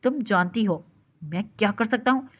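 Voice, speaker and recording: A woman voicing a short-tempered young husband who threatens and scolds gruffly. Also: high voice, moderate pace. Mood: angry scolding. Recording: dull lo-fi recording.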